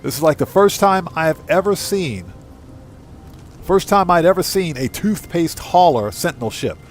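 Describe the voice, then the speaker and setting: A man with a voice on the high side talks at a moderate, animated pace as he offers casual live game commentary, addressing viewers informally and repeating phrases for emphasis. He's a live streamer and channel host, and music plays behind him.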